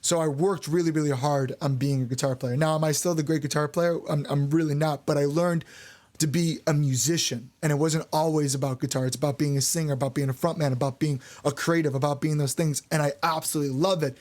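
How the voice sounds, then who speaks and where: Young male frontman, slightly raised pitch; casual, swear-heavy podcast storyteller. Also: fairly even intonation, quick pace, a little mellow. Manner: loose and candid, swears freely, lots of "like". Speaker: band frontman and podcast co-host.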